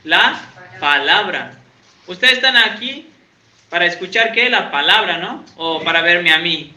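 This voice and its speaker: A man's voice: high voice, animated, measured pace, bright, forceful tone. A man, an evangelical pastor preaching a chatty sermon in a church, quizzing his congregation and joking about himself. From Santiago, Argentina. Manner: chatty, quizzes the congregation, self-mocking humor. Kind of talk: conversational sermon. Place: church in Uruguay. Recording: echoey church, dull lo-fi sound.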